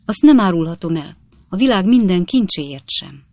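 A man's voice: high-pitched, lively intonation, a little mellow, dry recording. A man voicing a flustered middle-aged lady in an audiobook, hesitant and evasive. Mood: distressed. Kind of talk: audiobook character voice.

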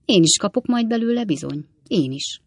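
A woman's voice: medium pitch, expressive, husky, no room sound, studio quality, pitched above the performer's own voice. A woman voicing a cheeky, secretive young boy in a light, pert manner.

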